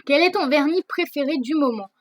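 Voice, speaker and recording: A woman's voice: high voice, expressive, brisk, a little hiss or hum. A teenage girl answering viewer questions in a casual vlog, hesitant, with many fillers and restarts. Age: teens. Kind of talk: casual chat.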